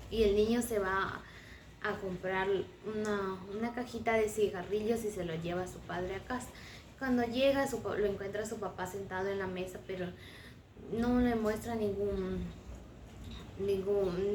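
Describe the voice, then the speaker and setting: A woman teacher retelling a story for children in simple, slow words with small restarts. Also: mid-range voice, darkish tone, slight background noise. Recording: roomy and distant.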